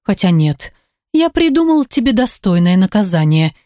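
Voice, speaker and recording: A woman voicing a sarcastic, jealous husband in an audiobook, lowering her voice and speaking slowly with a mocking edge. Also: very animated, dark tone, no room sound, studio quality, natural voice. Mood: stern.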